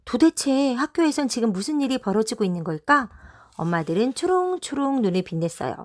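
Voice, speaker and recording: A young woman reads a children's picture book aloud in a fairly high voice. Her telling is lively and expressive, and she puts on bright, jumpy voices for the characters. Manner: lively, voices the mothers with quick pitch jumps. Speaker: teacher reading a storybook. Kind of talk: storybook read-aloud for children.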